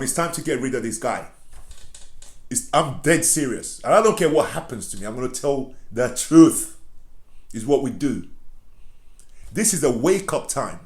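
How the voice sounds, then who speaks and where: A man's voice: medium pitch, a little mellow. A man giving impassioned online commentary, speaking directly to the person he criticizes and repeating phrases for emphasis. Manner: confrontational, addresses his target directly, repeats phrases. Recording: roomy echo.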